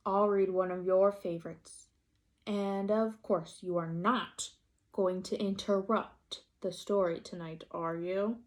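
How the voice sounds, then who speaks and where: A patient chicken papa from a picture book, voiced by a woman. He speaks as a mildly exasperated parent, gently scolding his little one. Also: mid-range voice, fairly even intonation, takes it slowly, close to an everyday voice. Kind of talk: picture-book read-aloud character voice.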